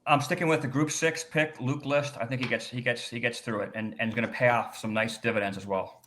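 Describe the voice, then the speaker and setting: A man's voice: mid-range voice, fairly even intonation, fairly quick, fairly bright tone, a little hiss or hum. A man from Canada with a Canadian accent, a sports researcher chatting enthusiastically on a betting panel. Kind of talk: casual panel chat.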